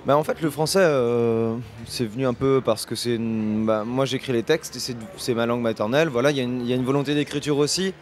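Soft background music plays as this thirtysomething singer and lyricist talks fast, barely pausing, in a steady mid-range voice. Sitting before a sponsor backdrop in a festival radio booth, he answers the interviewer hesitantly and often restarts, while the host holds a handheld radio mic.

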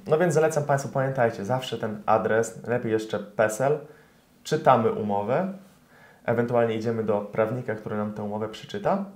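Young lawyer, interview guest, explanatory delivery with fillers, addresses viewers. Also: male voice, mid-range voice, moderate pace, darkish tone. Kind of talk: interview answers, explaining law.

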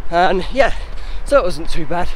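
Man, high-pitched voice, casual running vlog, talking in short phrases while running, noisy outdoor recording. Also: lively intonation, moderate pace. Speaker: running vlogger. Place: outdoors on streets and in a park, on the move. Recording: noisy outdoor recording with ambient street sound.

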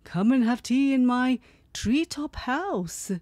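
A woman's voice: high voice, expressive, slow pace, a little mellow, dry recording, clean studio sound, voice pushed up. A woman voicing a hungry male owl who speaks politely and hoots.

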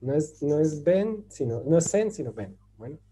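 The speaker is a man with a sing-song voice on the high side and a dark tone, talking at a moderate pace, with a little hiss or hum audible. He teaches Turkish grammar to an online group class, patiently taking it step by step and often checking with "¿cierto?" ("right?").

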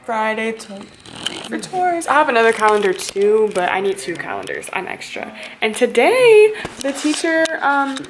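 A woman's voice: a little high, very animated, normal speed, noisy background. A young woman who is a law student, chatting casually to viewers in a vlog and trailing off with fillers. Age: young adult. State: out of breath. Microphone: on-camera mic.

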